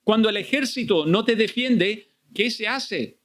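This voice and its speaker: A man's voice: high-pitched, a little slow, a bit bright. A man preaching an expository sermon in a church, often putting rhetorical questions to his congregation.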